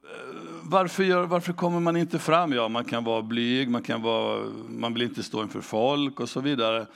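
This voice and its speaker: A man preaching a sermon, asking the congregation direct questions and reading scripture aloud slowly and deliberately. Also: medium pitch, vocal fry, a bit bright. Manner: engaging, asks the congregation questions. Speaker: pastor.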